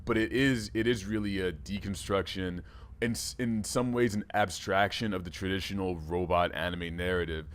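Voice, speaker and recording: A man's voice: low-pitched, moderate pace, slight background noise, lightly acted. A man as a red alien late-show host. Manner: playful, rambling, animated. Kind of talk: comedic podcast talk.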